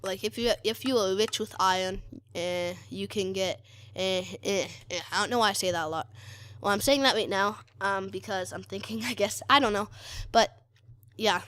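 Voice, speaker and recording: A woman's voice: medium pitch, a bit bright, clear, resonant tone, no room sound. A woman giving casual commentary while showing a game mod, hesitant and chatty, full of fillers and frequent self-corrections. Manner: hesitant, many fillers, corrects herself often; chatty and easily sidetracked.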